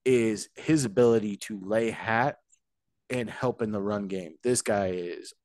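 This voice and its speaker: A man hosting a casual sports podcast, talking in an animated, joking way with rambling asides. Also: lowish voice, a little slow, no echo. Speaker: podcast host.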